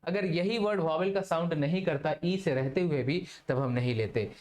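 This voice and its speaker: A man's voice: fairly high pitch, normal speed, darkish tone. A man teaching English grammar in a video lesson. He asks questions and answers them himself, mixing Hindi and English. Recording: roomy echo, faint background hiss.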